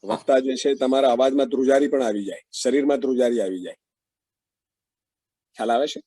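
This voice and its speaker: A man's voice: mid-range voice, fairly even intonation, dark tone, dry recording. A man leading an interactive online teaching session over a video call, asking the group questions and affirming their answers. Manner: slow, questioning, frequent affirming murmurs. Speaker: workshop facilitator.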